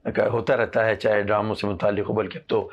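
A middle-aged man who is a guest on a studio talk show, speaking in a measured way and often agreeing. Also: lowish voice, level tone, muffled recording. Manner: measured, agreeable, frequent affirmations. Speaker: studio guest, artist and business owner. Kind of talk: casual studio chat.

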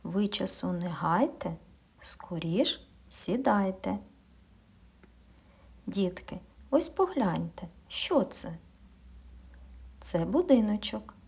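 Slow, breathy-voiced woman teaching small kids. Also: medium pitch, expressive, a little mellow. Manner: slow, patient, asking and answering her own questions, drops into whispers. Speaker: kindergarten teacher. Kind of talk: speech lesson for young children.

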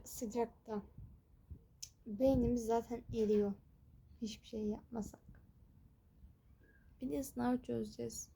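A woman's voice: fairly high pitch, dark tone, a little hiss or hum, poor audio. A young woman vlogging from her bedroom, ranting in an exasperated, complaining way about studying for her exams. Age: young adult. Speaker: exam student vlogger. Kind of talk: casual vlog rant. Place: bedroom at home.

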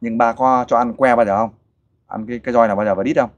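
A man's voice: medium pitch, fast talker, highs cut off. Coaxing Vietnamese man interviewer. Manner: coaxing, animated with the child. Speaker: host interviewer for a volunteer group. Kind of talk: casual interview.

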